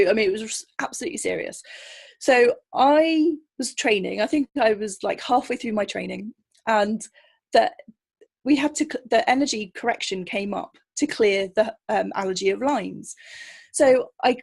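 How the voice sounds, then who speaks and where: Husky-voiced woman telling lively stories. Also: a little high. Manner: lively anecdotes, acts out quoted voices, laughs often. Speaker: kinesiologist guest. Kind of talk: casual interview storytelling.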